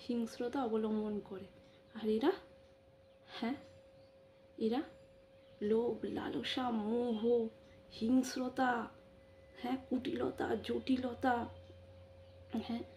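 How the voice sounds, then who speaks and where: A woman's voice: fairly high pitch, warm tone, slight background noise. A middle-aged woman vlogger giving an emotional personal monologue. She talks with passion, repeats phrases and keeps affirming herself with short interjections. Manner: impassioned, repetitive, frequent affirming interjections.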